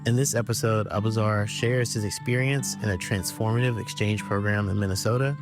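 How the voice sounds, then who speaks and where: A man reading a scripted podcast intro in a smooth, announcing manner. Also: fairly low pitch, fairly even intonation, brisk. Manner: smooth, read-aloud announcing. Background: guitar music.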